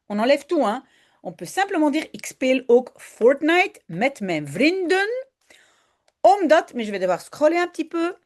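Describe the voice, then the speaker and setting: Woman tutor, slow and melodic delivery, patient grammar corrections. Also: mid-range voice, darkish tone. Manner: patient, explaining grammar step by step. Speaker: Dutch language teacher. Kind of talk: correcting a student's writing.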